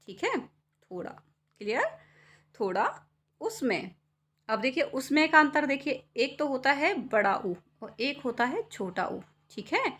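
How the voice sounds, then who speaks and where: A woman's voice: fairly high pitch, a bit bright. A woman teaching a primary school poem lesson, patiently asking questions and answering them herself. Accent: Hindi. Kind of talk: classroom lesson explaining a poem.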